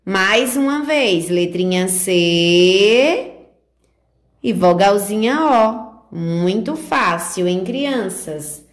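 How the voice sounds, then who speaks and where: A woman teaching a remote handwriting lesson to preschool children, guiding each letter stroke in a slow, sing-song teacher voice full of diminutives. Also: mid-range voice, expressive. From Brazil.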